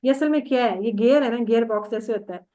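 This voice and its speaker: A woman's voice: fairly high pitch, quick pace, mellow. A woman teaching an online class, patiently explaining step by step and quizzing her students.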